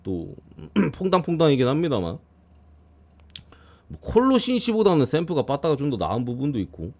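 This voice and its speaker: A man giving a casual streamed preview of baseball games, blunt and quick to swear and grumble. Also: fairly high pitch, huge pitch swings, mellow. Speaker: baseball betting analyst streamer.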